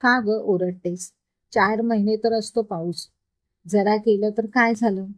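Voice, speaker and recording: A woman voicing a carefree young man who teases in a relaxed, mild way, in a storybook reading. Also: mid-range voice, unhurried, natural voice.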